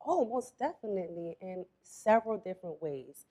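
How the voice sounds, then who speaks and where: Young adult woman from Florida, interview guest, relaxed storyteller, mid-pitched voice. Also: moderate pace. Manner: relaxed storytelling, quotes her mother. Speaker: spa owner, guest. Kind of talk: casual interview talk.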